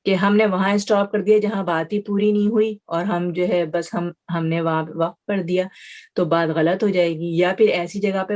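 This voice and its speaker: A woman's voice: on the low side, darkish tone. Patient woman teacher. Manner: patient, explains step by step with examples and check-in questions; mixes English words into her speech. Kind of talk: online class lecture.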